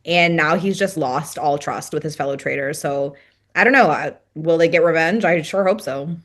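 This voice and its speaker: A woman's voice: low voice, fairly bright tone. A woman co-hosting a podcast, chatting casually and emphatically about a reality show and often chiming in to agree. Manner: emphatic, quick agreement fillers. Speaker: podcast co-host. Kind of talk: casual chat reviewing reality TV.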